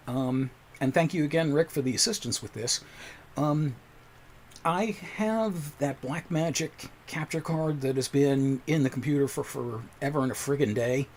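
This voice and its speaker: A man's voice: medium pitch, a little hiss or hum. A man hosting a casual livestream from his home computer desk, talking into a desk microphone in a chatty, rambling, self-deprecating way. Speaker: livestream host.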